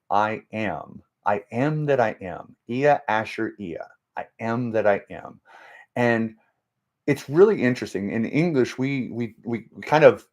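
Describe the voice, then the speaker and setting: A man hosting a faith-based motivational live stream, talking in a slow, halting way with many restarts and repeated words, and reading out and answering viewer comments. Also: medium pitch, darkish tone.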